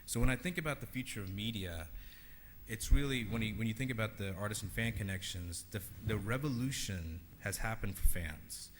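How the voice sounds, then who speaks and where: A man from Sri Lanka with a fairly low voice gives an earnest conference talk, stumbling through fillers and restarts. Faint noise sits behind him. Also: fairly quick. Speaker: conference keynote speaker.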